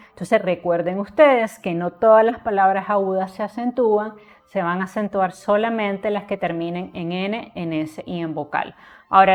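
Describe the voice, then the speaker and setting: A woman from Nicaragua who tutors Spanish writing, patiently explaining grammar rules in a lesson and repeating each one with lists of examples. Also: medium pitch.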